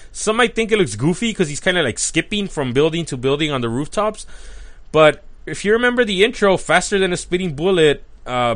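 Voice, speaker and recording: A man's voice: fairly high pitch, fairly bright tone. A man giving a casual, chatty commentary as he recaps a cartoon, full of enthusiasm and sprinkled with "like" and "uh.". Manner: enthusiastic and chatty, with frequent "like" and "uh" fillers. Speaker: cartoon reviewer.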